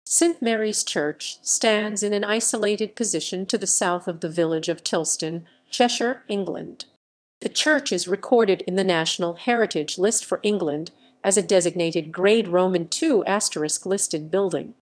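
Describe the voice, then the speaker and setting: A woman reading an encyclopedia article aloud in an even narration, reading symbols and captions out literally. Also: mid-range voice, moderate pace. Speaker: article reader.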